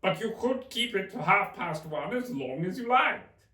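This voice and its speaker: A man's voice: sits high, expressive, measured pace, pushed and bright, pitched above the performer's own voice, full character voice. A man voicing an eccentric, huffy and mournful male storybook Hatter, with an emphatic, theatrical and contemptuous manner. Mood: animated. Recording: roomy, distant microphone.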